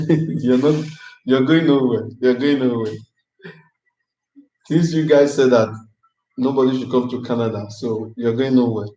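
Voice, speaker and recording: Chatty man hosting a live Q&A, mid-pitched, repeats himself, recorded with a roomy echo. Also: fairly even intonation, unhurried, pauses often, mellow. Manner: repeats phrases, chatty and upbeat. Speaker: live chat host. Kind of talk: live-stream Q&A chat.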